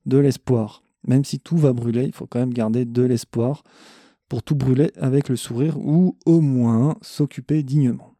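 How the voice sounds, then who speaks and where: A man talks straight into a close microphone with no room sound at all. His voice is deeply dark and mellow. He answers listener questions about his metal podcast bluntly and with plenty of swearing. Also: breathy edge, no echo. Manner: blunt, irreverent, swears freely. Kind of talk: casual monologue answering questions.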